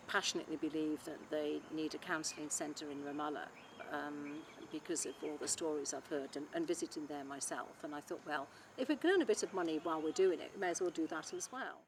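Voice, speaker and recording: An Englishwoman recounting in a documentary interview how she organised an event, acting out other people's words with lively energy. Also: low voice, background noise. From England. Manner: animated, acts out quoted speech.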